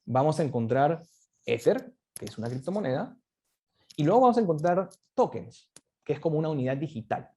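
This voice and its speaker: A man's voice: on the high side, sing-song, fairly quick, warm tone, husky. A man giving a lecture with slides, explaining step by step and often ending points with a tag question. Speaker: guest speaker on crypto economics.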